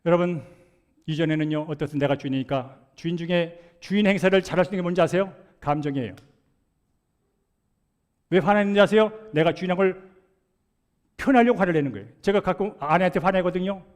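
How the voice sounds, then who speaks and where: Pastor guy preaching, keeps repeating lines, goes loud then soft, kinda high voice. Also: brisk, pauses often. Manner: emphatic and repetitive, swings between loud and soft. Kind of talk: sermon.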